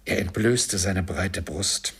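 A man narrating a classic story aloud in a measured, expressive storytelling manner. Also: sits low, slightly rough. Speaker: audiobook narrator. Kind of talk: scripted narration.

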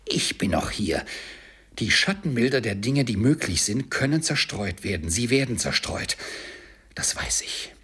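Man playing an elated old miser: husky, breathy, high and excitable, big swings in pitch. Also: measured pace, full character voice. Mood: overjoyed. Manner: excited exclamations, loud and high. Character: elderly male miser, overjoyed and giddy.

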